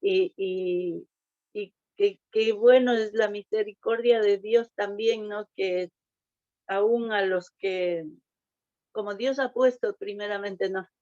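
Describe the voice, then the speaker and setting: A woman's voice: medium pitch, fairly even intonation, slow pace, darkish tone, no room sound. A woman taking part in a Bible study, commenting hesitantly with fillers and questioning tags. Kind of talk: casual comment in group discussion. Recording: dull, muffled audio.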